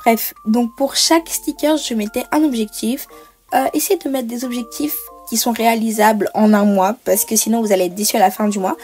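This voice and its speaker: A woman's voice: a little high, steady tone, fairly quick, darkish tone, soft background music. A woman giving a chatty craft tutorial voice-over, explaining each step with frequent hesitations. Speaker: bullet journal creator.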